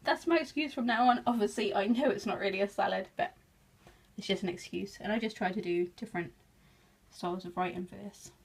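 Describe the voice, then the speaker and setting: An English woman with a medium-pitched, gravelly, husky voice talks a little fast. She's a craft vlogger doing casual show-and-tell narration of her work, chatty and giggly, laughing often and poking fun at herself.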